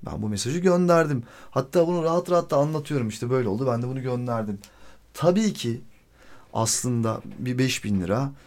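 A man hosting a podcast tells a story from his own life in a loose, chatty way. His voice is warm and mellow. He acts out what each person said and swears freely. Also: medium pitch, fairly quick. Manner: animated, acts out quoted dialogue. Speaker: podcast host. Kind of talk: casual storytelling monologue.

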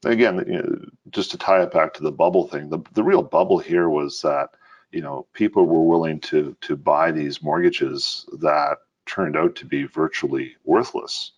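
A man's voice: rumbling low, normal speed, breathy edge, highs cut off. A man co-hosting a casual finance podcast, talking animatedly with laughing asides and stammered restarts. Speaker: podcast co-host.

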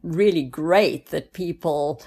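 A woman interviewer with a fairly low voice for a woman responds to her guest with enthusiastic praise. She talks in a casual, conversational way, and her low pitch colors the whole exchange. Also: slow pace, darkish tone, slightly rough. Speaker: interviewer host.

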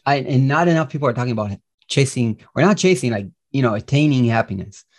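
A man's voice: medium pitch, animated, quick pace. A man, co-hosting a podcast in loose, rambling casual chat full of fillers. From Israel. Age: 30s. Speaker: podcast co-host.

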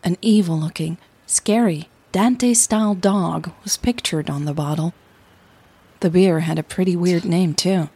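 With a lowish, dark and husky voice, a female podcast host reads audio drama narration from a script, speaking intimately and in a measured way with purposeful pauses.

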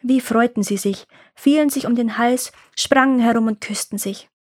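Calm woman reading a fairy tale. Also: fairly high pitch, no room sound, studio quality. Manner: calm, measured storytelling. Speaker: storyteller. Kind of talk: scripted fairy tale narration.

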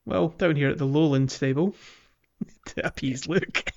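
A man with a slightly high, somewhat slow voice that's gravelly yet a bit mellow recaps a video game casually as a podcast host. He explains things hesitantly and giggles along the way. The audio is slightly dull, with background music playing underneath.

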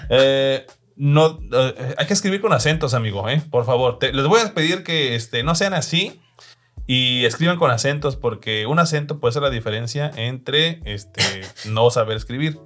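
A man's voice: mid-range voice, animated, moderate pace, fairly bright tone. A man with a Mexican accent hosting a casual chat, reading viewer comments aloud in a laid-back way, swearing often and laughing between comments. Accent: Mexican Spanish. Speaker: host.

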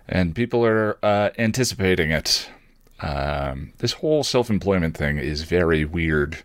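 Low-pitched and recorded cleanly in a studio with no room sound, a man hosts a casual solo podcast. He digresses, pokes fun at himself and often corrects himself mid-thought.

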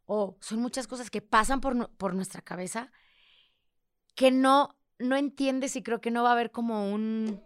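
Young woman, Mexican accent, slightly high voice, frank and emotional, dry studio sound. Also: moderate pace, smooth, no room sound. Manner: frank and emotional, swears freely, acts out quoted voices. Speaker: guest. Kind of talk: candid personal conversation.

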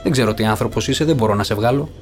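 A man's voice: on the low side, natural voice. A man voicing a stubborn, cautious male ship's steward in an audiobook, firm and unyielding, over faint guitar music.

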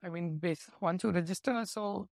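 Indian man explaining, with a creaky voice. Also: high-pitched, moderate pace, darkish tone, no room sound. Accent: Indian English. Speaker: company executive, interview guest. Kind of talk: business interview answers, explanatory.

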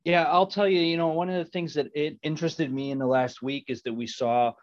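A man's voice: on the high side, steady tone, brisk, dry recording. A man giving conversational market analysis as a panel guest. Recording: dry, slightly dull audio.

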